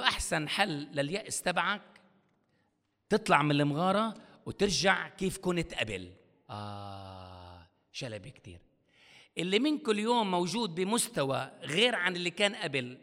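Animated preacher with gravelly voice. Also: male voice, high-pitched. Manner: animated preaching, acts out voices, scolds and pleads. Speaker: pastor. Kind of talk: sermon. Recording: long hall reverb.

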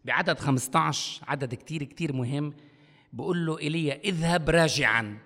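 A man preaching a sermon as pastor, animated, acting out voices, scolding and pleading. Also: a little high, fairly quick. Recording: long hall reverb.

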